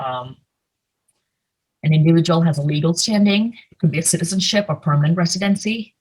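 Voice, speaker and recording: Over a video call, a young Indian woman presents slides conversationally, filling her speech with lots of fillers. Her voice sits low and husky, and the computer-mic recording is low quality.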